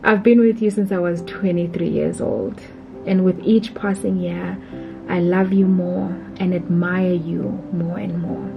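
A woman with a South African accent reading a heartfelt, prayerful letter as a voice-over, slow and tender. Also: lowish voice, steady tone, creaky. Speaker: vlogger. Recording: dull voice-over under loud music. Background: music.

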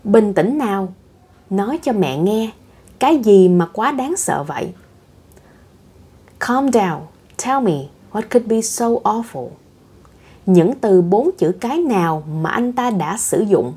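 A woman reading the lines of a mother who calmly coaxes her upset daughter. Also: mid-range voice, slow, slightly rough. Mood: coaxing. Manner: calming, coaxing.

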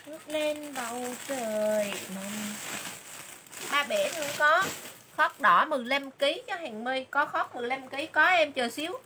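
A woman doing a livestream sales pitch for clothes, chatty and repeating item names and prices again and again. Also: measured pace, noisy background. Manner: chatty, calls viewers "dear sisters".

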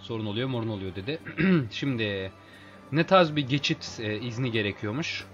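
A man's voice: medium pitch, normal speed, lo-fi sound, soft background music. Chatty man narrating his gameplay. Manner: chatty, addresses viewers as friends, excitable during fights. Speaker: let's play host. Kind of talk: casual gameplay commentary.

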